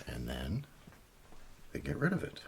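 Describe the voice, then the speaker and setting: A middle-aged man doing soft-spoken ASMR, musing aloud in a near whisper with pauses, over crinkling paper. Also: very deep voice, creaky. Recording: steady noise, paper crinkling and clicks. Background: newspaper crinkling and page turning.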